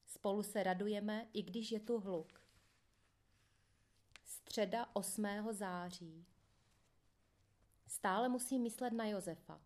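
A woman reading a first-person memoir aloud in a calm, measured way. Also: mid-range voice. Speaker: audiobook reader. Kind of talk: scripted first-person narration.

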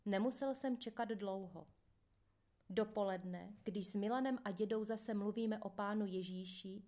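A woman reading a first-person memoir aloud in a calm, measured way. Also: mid-range voice. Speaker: audiobook reader. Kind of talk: scripted first-person narration.

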